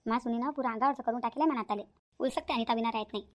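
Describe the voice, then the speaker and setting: A woman's voice: fairly high pitch, racing, lightly acted. A woman voicing a bossy, grumbling older village mother-in-law in a cartoon, speaking shrilly. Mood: soothing, grumbling. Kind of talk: cartoon voice acting.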